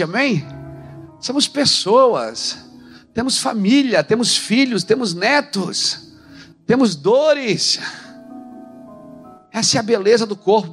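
Male preacher, high-pitched, emphatic, soft-to-shouting sermon delivery over faint music. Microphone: handheld microphone.

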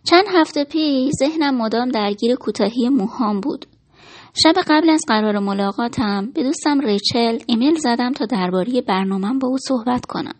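A woman narrating a first-person story in a reflective, expressive reading. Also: fairly high pitch.

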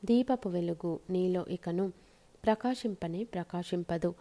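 A woman reading scripture aloud in measured, solemn phrases with short pauses. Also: fairly low pitch, dark tone. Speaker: scripture reader.

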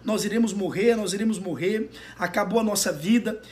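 A man's voice: high voice, fairly quick, darkish tone, recorded from a distance, lightly acted. A man voicing a frightened wife in a sermon story, pleading frantically. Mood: panicked. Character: frightened wife, adult woman, panicky.

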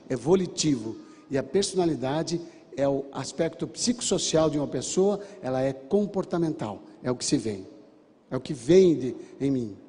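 A man's voice: on the high side, mellow. A man giving a sermon-style talk, telling a counseling story and acting out the dialogue with emphatic repeated commands. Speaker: church counselor and speaker. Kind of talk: sermon-style lecture with stories. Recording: long hall reverb.

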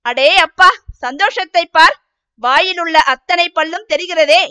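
A woman voicing a fiery, jealous young village woman, taunting and sharp-tongued. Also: very high voice, measured pace, exaggerated voice. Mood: fierce taunting.

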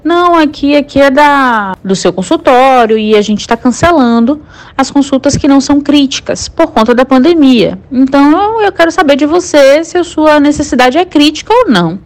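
A woman's voice: sits high, lively intonation, voice pushed up. A woman with a Brazilian Portuguese accent quoting an impatient female clinic receptionist who fires off questions. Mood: insistent. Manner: rapid-fire questioning, insistent.

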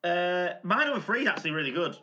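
Man, slightly high voice, casual banter, repeats himself. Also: very animated, quick pace, sharp tone, faint music behind. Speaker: podcast co-host. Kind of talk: casual chat. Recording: dull lo-fi audio.

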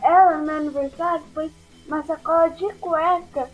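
Woman with a high voice jumping in w short comments, light music behind. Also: fairly even intonation, normal speed, highs cut off. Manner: chimes in briefly with comments. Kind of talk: casual chat.

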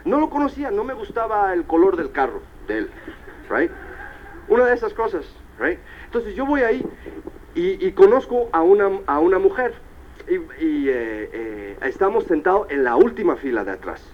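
Male motivational speaker, lively storytelling with English asides; slightly high voice, dull lo-fi live recording. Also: moderate pace, slight background noise. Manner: animated storyteller, peppers Spanish with English tags like "right?" and "all right". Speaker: motivational speaker at a business convention. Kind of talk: live motivational speech to an audience.

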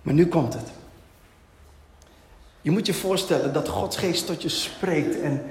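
High-voiced preacher in an echoey hall. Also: male voice, unhurried. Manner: lively, asks and answers his own questions. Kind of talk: sermon. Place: church hall. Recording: echoey hall, long reverb.

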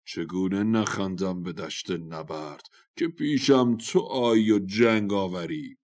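A man's voice: low voice, warm tone, natural voice. A man voicing a veteran hero warrior who taunts his foe in a scornful, mocking way.

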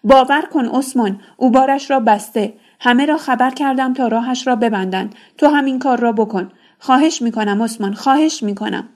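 A woman's voice: fairly high pitch, a little mellow, close to an everyday voice. A woman reading a novel aloud, voicing a young desert boy who urgently pleads with the elders. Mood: pleading. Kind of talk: audiobook character reading.

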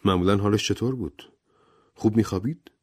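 A man voicing a composed middle-aged doctor who speaks in a measured, grave way. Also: fairly low pitch, darkish tone, slightly rough.

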